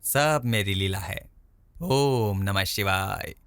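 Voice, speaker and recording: A man voicing a scheming, smug holy man villain in a dubbed film, speaking in slow, mocking pronouncements. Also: fairly high pitch, expressive, pushed and bright, no room sound. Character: scheming middle-aged male godman, smug and vengeful. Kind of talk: Hindi film dub.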